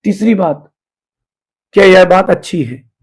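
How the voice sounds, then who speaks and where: A man's voice: high voice, a little slow, a little mellow, breathy edge. A man giving a conversational sermon as a Jain monk, mixing in English phrases.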